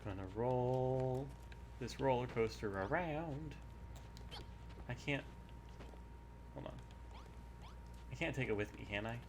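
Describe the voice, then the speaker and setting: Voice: medium pitch, takes it slowly, long pauses, background noise. A gaming streamer giving casual, off-the-cuff commentary while playing.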